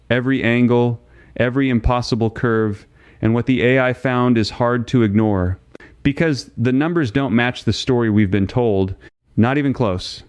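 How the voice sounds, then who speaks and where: A man's voice: medium pitch, darkish tone, clear, resonant tone, no echo, studio quality. A man giving scripted documentary narration in a dramatic way, speaking straight to the listener and asking rhetorical questions.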